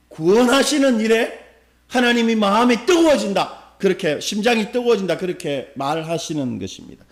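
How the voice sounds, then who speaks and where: A man preaches a Sunday sermon in a high voice that rises and falls a great deal. He keeps turning to the congregation with questions and answers them himself. Now and then he acts out a harsh scolding in quick bursts. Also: fairly bright tone. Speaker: pastor. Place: church sanctuary.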